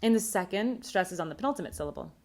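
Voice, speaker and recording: A woman presenting a recorded academic conference talk on linguistics, explaining terms in a clear, measured way. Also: mid-range voice, expressive, darkish tone.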